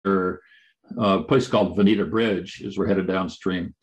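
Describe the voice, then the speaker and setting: Presenter: man with a lowish voice, unscripted slide lecture, hesitant delivery full of fillers. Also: fairly even intonation, highs cut off. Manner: halting, many fillers and restarts.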